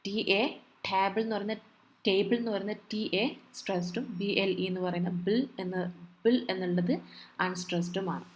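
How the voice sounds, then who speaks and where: A woman tutor reading notes slowly, then explaining them in Malayalam with many fillers and restarts. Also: medium pitch, steady tone. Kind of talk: exam-prep lecture.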